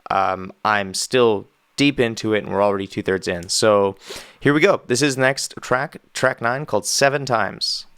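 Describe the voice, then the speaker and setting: A man's voice: on the low side, normal speed, a bit bright, clear, resonant tone, dry recording. A Canadian man, a musician, giving enthusiastic, rambling casual commentary as he reacts to an album.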